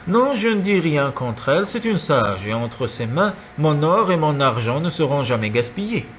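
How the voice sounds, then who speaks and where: A man's voice: on the high side, sing-song, normal speed, slight background noise. A breezy stout old father, read by a man. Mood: breezy lecturing. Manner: easygoing, lecturing, chuckling. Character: jovial stout elderly father, dismissive.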